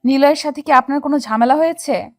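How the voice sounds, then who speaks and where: A woman's voice: high voice, fast talker, no echo, clean studio sound, soft background music. A woman narrating and playing a young wife who tells the story in first person, earnest and questioning, for a Bengali audio story. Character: young wife, hurt and puzzled.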